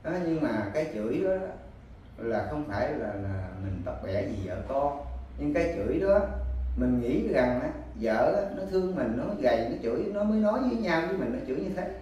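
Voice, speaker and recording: A man from Cà Mau with a southern Vietnamese Mekong Delta accent, telling in a halting, repetitive way how he has searched for his wife. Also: mid-range voice, lively intonation, warm tone. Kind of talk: personal account in an interview. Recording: very echoey, distant, faint background noise.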